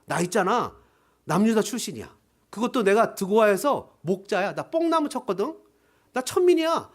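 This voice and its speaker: A humble shepherd prophet, as a preacher acts him out, speaking plainly, slowly and firmly. He owns his low standing without shame. His pitch swings widely from line to line. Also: big pitch swings.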